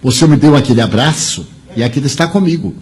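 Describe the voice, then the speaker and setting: An older man, telling an earnest personal story that swings from raised to hushed. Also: mid-range voice, lively intonation, fast. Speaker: speaker. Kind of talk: storytelling talk.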